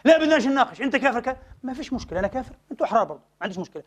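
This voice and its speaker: A middle-aged man delivers a sermon-style lecture at a rapid clip. His voice sits high, and he keeps the talk lively with rhetorical questions and a drawn-out "eh" as he searches for the next word. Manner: animated, asks rhetorical questions, fills pauses with drawn-out "eh". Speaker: Islamic preacher and lecturer.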